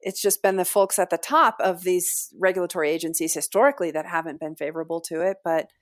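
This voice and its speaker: A woman's voice: on the low side, steady tone, fast talker. A woman, a company founder, talking energetically as a guest on an interview podcast and often restarting her sentences. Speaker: guest, founder and CEO of a financial firm.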